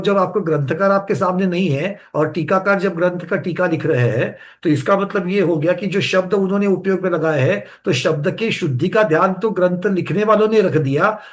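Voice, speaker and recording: Man, student, fairly high voice, respectful, restates points to check them. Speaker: student asking questions. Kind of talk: question-and-answer discussion.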